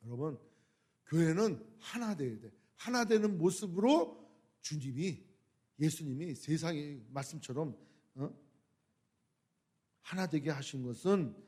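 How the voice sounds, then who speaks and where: A male pastor giving a sermon, full of rhetorical questions, rising to loud appeals and dropping to hushed asides. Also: on the high side. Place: church sanctuary.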